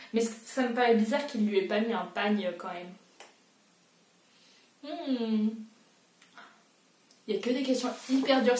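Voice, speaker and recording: Young woman vlogging, chatty and kinda self-mocking, a bit high voice, sounds far off from the mic. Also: darkish tone, reverberant. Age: young adult. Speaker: booktuber. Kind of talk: casual reading-quiz vlog.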